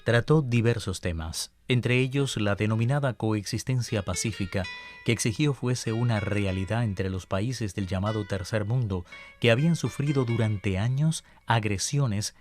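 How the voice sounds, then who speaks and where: Low-voiced male Cuban radio announcer. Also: darkish tone, soft background music. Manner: measured, formal delivery. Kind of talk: scripted radio narration.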